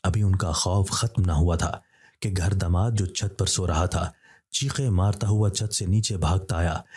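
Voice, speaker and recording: A man's voice: low-pitched, steady tone, a little slow, darkish tone, slightly rough. A man narrating a scripted horror story, speaking steadily and voicing each character in his own plain voice.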